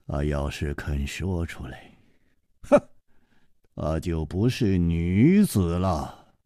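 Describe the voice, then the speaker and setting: A male storyteller voicing a calm, worldly swordsman hero who speaks low, hushed and measured. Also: no room sound, studio quality. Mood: calm, wry. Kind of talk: storytelling with character voices.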